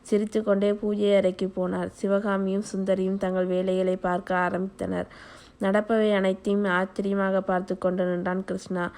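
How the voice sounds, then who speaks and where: A woman narrating a romance story in a steady, measured reading voice. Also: mid-range voice.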